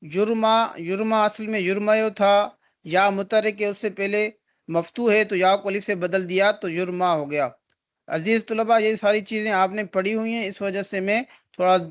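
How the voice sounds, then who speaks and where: A man's voice: high-pitched, steady tone. A male teacher giving an online grammar lesson, explaining step by step and answering his own questions. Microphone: video call.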